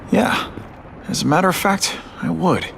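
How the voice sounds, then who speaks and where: An earnest young American game hero with a boyish, slightly high voice. He talks in a casual, hesitant way, nervous but sincere. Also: lively intonation, moderate pace, creaky, fairly bright tone, slight background noise, full character voice. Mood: earnest, wary. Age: young adult. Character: earnest, nervous young male photographer, secret superhero. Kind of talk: video game voice acting.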